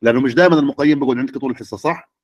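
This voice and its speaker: A man's voice: medium pitch, very fast, dry recording, highs cut off. A middle-aged man, lecturing teachers and often checking with the audience. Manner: questioning the audience.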